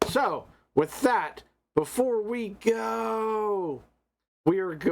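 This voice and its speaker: A man hosting a tabletop game stream and wrapping up the show, enthusiastic and repeating words for emphasis. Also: mid-range voice. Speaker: game master and host. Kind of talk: show outro announcements.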